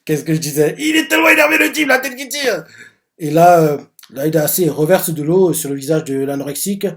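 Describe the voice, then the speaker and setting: A man's voice: fairly high pitch, brisk. Rambling man reacting to a manga chapter. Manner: rambling, animated, constant filler words. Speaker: manga reaction channel host. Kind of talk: casual live reaction, retelling a chapter.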